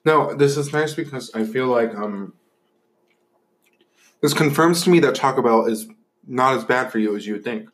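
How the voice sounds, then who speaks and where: A young man hosts a relaxed podcast, chatting over food. His talk is loose and filled with fillers and quick laughs. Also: medium pitch. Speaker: podcast host. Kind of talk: casual chat while eating.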